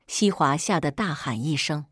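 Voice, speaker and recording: A woman reading a first-person story as narrator, in a measured, even storytelling manner. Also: sits low, husky, no echo, clean studio sound.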